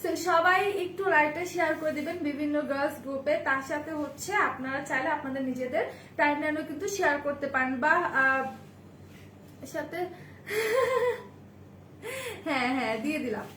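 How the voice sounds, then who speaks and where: Woman, live-sale host, chatty, greets viewers by name; fairly high voice, faint room hum. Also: fairly even intonation, brisk, pauses often, sharp tone. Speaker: live-stream seller and host. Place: indoor shop with bags on display behind her. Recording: echoey room with faint ambience.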